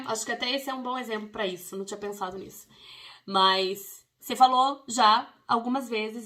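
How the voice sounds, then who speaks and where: Higher-voiced woman explaining. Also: fairly bright tone. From Brazil. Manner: explains through everyday examples, repeats key points. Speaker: parenting podcast host. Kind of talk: casual explanatory talk.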